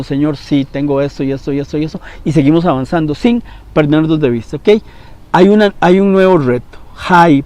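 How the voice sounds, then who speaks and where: A man in his fifties teaching a devotional Bible lesson, animated, jumping between loud emphasis and quiet asides. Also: a little high. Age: 50s. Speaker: preacher.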